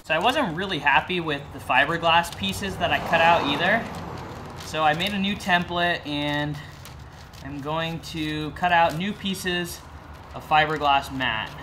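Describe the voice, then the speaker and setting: A young man chatting casually in a garage workshop vlog, self-deprecating and quick to laugh. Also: a little high, background noise. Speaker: vlogger.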